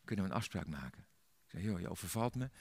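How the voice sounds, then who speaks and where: A man with a Dutch accent preaching in a church, telling a story and rising to loud, emphatic peaks. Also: low voice, lively intonation, fast, gravelly. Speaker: pastor. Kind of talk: sermon.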